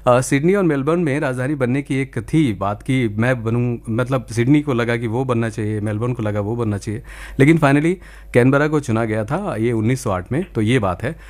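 A male radio host presents a live phone-in quiz at a medium pitch. He is courteous and encouraging, explains at length, and drops in bits of English. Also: moderate pace, a little mellow. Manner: polite, encouraging, wordy.

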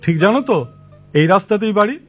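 Actor as a grumbling, high-voiced uncle. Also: male voice, animated, fast talker, over loud music. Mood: skeptical grumbling. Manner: skeptical, grumbling. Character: grumbling older uncle hunting for a house. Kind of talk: comic audio drama acting. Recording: dull lo-fi recording.

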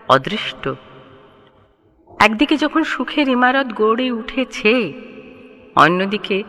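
High-pitched male epic narrator, heavy reverb. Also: bright, forceful tone. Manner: solemn, literary, theatrical. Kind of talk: dramatic scripted narration of a mythological epic. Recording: long reverberant hall effect.

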